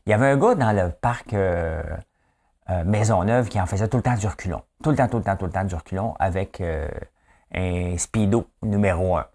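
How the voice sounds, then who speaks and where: A man's voice: deep voice, a little fast, a little mellow. A man in his fifties with a Quebec French accent, hosting a casual, folksy news chat and often asking his listeners questions. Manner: chatty, folksy, keeps asking "hein?". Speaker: host.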